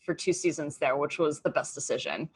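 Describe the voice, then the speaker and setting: Husky and low-pitched, this Australian woman in her thirties talks fairly quickly as a podcast interview guest. She's chatty and casual, her speech sprinkled with "um" and plenty of "like."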